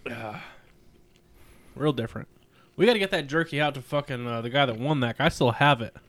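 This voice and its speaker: A man's voice: mid-range voice, brisk, a bit bright, no echo. Profane joking man on a podcast. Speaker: podcast co-host. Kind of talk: casual crude podcast banter.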